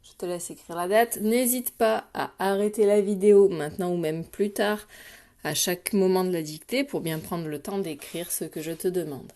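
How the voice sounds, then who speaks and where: A woman teacher giving a dictation lesson to young children, speaking clearly and patiently and addressing the child directly. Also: fairly low pitch, normal speed, warm tone. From France. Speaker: primary school teacher.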